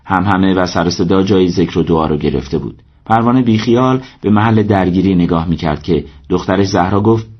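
A man reading a story aloud as narrator, steady and measured. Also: low-pitched, slightly rough, highs cut off. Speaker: audiobook narrator. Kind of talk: scripted narration.

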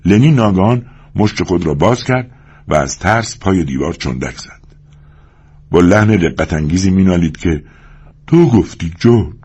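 Man narrating an audiobook, deep, husky, very lively intonation. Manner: expressive storytelling.

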